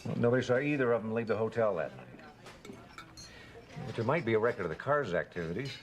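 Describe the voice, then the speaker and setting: An actor playing a matter-of-fact investigator talking through a case in a television crime drama. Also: male voice, lowish voice, expressive, fast, muffled recording, lightly acted. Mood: businesslike.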